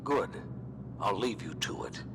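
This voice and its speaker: An actor playing a stern, commanding older master in a video game, measured and imperious. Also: male voice, on the low side, animated, heavy background noise. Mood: cold, commanding. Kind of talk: video game character acting. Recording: music behind the voice.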